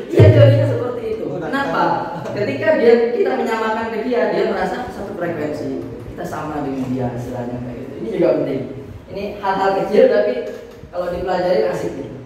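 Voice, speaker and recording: A middle-aged man gives a casual, lively sales training talk in a meeting room, and he sounds far from the mic. His voice rings through a roomy hall with a long echo. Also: sits high, fast talker, a crowd in the background. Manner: lively, casual, mixes in English terms, acts out customer exchanges. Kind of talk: motivational marketing talk to staff. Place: meeting room, presenting with a projector. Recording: echoey hall recording from far off.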